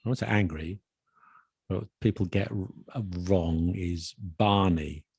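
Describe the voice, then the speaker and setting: A man's voice: sits low, measured pace, creaky, darkish tone, slightly rough, dry recording. A man co-hosting a casual podcast chat, quizzing his co-host on slang in a playful, dry manner.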